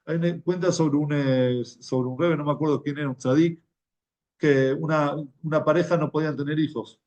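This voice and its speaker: A man's voice: a little high, steady tone, normal speed, darkish tone, muffled recording. A man with an Argentine accent giving a conversational religious class, often repeating words as he tells stories. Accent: Argentine Spanish. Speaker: religious teacher. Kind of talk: Torah class talk.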